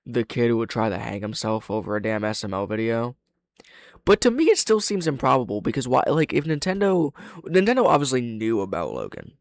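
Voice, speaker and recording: Recorded dry and at studio quality, this medium-pitched man reacts off the cuff while reviewing videos as a reaction host. His casual commentary is blunt and full of opinions, and he curses freely.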